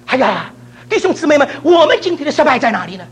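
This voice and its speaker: A man's voice: very high voice, big pitch swings, quick pace. An older man from China preaching a sermon, laughing often and mixing English words into his talk.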